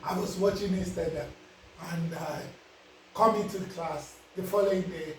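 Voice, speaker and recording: In a steady tone and at a moderate pace, a high-voiced man with a Nigerian accent lectures his viewers with casual life advice, often throwing in "you understand?" The mic is far away, the sound is very echoey, and background noise is present.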